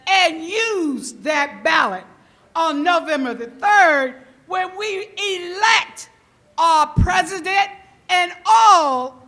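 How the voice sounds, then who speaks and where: A woman's voice: sits high, pushed and bright. A woman giving a rallying speech, exhorting the audience with call-and-response. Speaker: speaker urging voters. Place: large auditorium.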